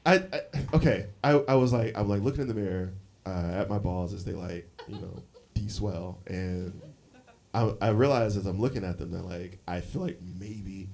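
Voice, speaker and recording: A man in his forties telling stories in a live stand-up set, animated and laughing often between lines. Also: sits low, normal speed, vocal fry. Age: 40s. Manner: animated storytelling, frequent laughs and fillers. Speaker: stand-up comedian. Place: comedy club stage with audience. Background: audience laughter.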